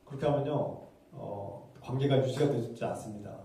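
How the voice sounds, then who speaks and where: Man, forties, pastor, earnest sermon, dark mellow tone, heavy church echo. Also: mid-range voice, moderate pace, far from the mic, a little hiss or hum. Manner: earnest, explaining, acts out quoted scolding voices. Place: church sanctuary. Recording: very echoey church hall, voice from afar.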